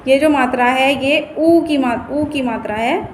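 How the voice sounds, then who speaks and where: A woman's voice: sits high, measured pace. A woman teacher patiently explaining Hindi vowel signs, repeating and stretching each word. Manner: patient, repeats and stretches words, points at the board. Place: classroom. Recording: echoey room with faint noise.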